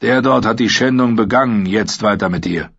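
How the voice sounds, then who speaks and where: A man reading an audiobook voicing a gruff, dismissive town guard who growls his warnings. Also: on the low side, moderate pace, fairly bright tone, no echo, full character voice. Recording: dull lo-fi sound.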